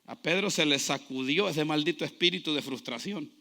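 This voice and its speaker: A male pastor preaching a sermon with passion. His delivery keeps building up to loud shouts. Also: fairly high pitch, a little fast. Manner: impassioned preaching, rising to shouts.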